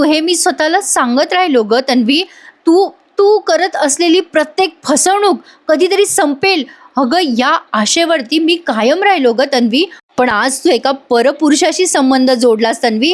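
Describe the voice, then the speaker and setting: A woman's voice: high voice, moderate pace, close to an everyday voice. A woman voicing a heartbroken young husband who accuses his wife through tears. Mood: anguished.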